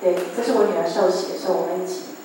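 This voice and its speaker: Animated woman telling a testimony in an echoey church. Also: fairly low pitch, racing, slight background noise. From Taiwan. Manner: animated storytelling, acting out dialogue. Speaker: church testimony speaker and gospel singer. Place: church sanctuary. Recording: echoey hall picked up from a distance.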